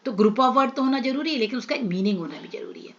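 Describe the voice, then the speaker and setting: A woman's voice: a little high, lively intonation, quick pace, dull audio. A woman teaching English to children in an online lesson, asking questions and answering them herself.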